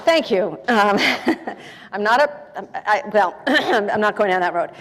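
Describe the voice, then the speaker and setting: A woman's voice: mid-range voice, lively intonation, slow pace, a bit bright, slight background noise. An older woman minister welcoming a congregation in a conversational, self-deprecating way during a church service. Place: church sanctuary. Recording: long reverb of a church hall.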